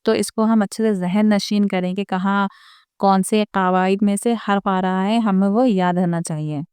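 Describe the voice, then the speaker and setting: Woman, recitation teacher, crystal-clear voice, dry close sound, patient step-by-step explanations, rhetorical questions. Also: mid-range voice, steady tone, normal speed, a little mellow, no echo. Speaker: Quran reading teacher.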